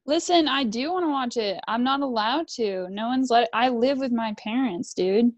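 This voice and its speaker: A woman's voice: on the high side, normal speed, no echo, muffled recording. A young woman who is a guest on a casual podcast and teases and jokes with the host. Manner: teasing, joking and laughing softly.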